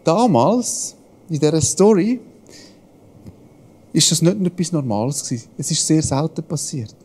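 A high-pitched man speaks as a pastor in a relaxed devotional style. He tells homely anecdotes, chuckles easily and acts out other people's lines. His voice trails into a long reverb. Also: measured pace, husky. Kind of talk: casual devotional talk.

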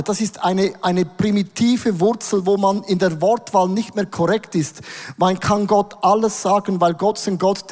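Guy preaching hard, pretty high voice, big reverb from the church hall. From Switzerland. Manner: emphatic, declaring, voice swelling louder. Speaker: worship leader. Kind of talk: sermon.

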